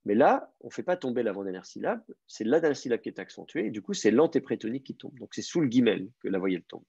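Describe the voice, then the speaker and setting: A male teacher with a slightly husky voice explains a grammar point patiently, slowing down to repeat each key word. The sound is dry and a little muffled, as if recorded at close range over a modest connection. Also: medium pitch, sing-song, warm tone, no room sound. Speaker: Hebrew teacher. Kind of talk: online class explanation.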